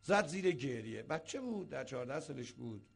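A man, a cleric, preaching a sermon as an animated storyteller who acts out the people he quotes. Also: mid-range voice, creaky, breathy edge.

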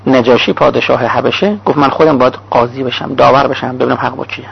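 A man's voice: medium pitch, steady tone, vocal fry, breathy edge. A man giving a sermon-style lecture as a cleric, listing examples in short rhythmic phrases. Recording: dull lo-fi recording.

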